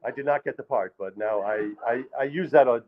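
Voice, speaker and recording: Before a live audience in a small hall, a middle-aged storyteller tells funny, rambling stories about acting, self-deprecating and full of restarts. His mid-range voice runs a little fast, and the audio is narrow and tinny.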